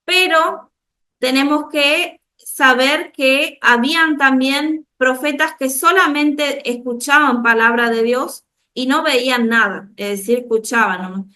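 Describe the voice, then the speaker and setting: Woman with a Dominican accent teaching a Bible class over a video call, bright and crisp, explaining step by step. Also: sits high. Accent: Dominican Spanish. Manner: slow, explanatory, with frequent restarts and questions to the class. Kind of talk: online bible class lecture.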